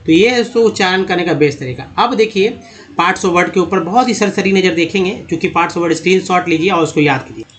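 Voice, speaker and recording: High-voiced man teaching. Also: a bit bright. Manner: slow, spelling out letters and repeating words. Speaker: English pronunciation teacher. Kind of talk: screen-based spoken lesson.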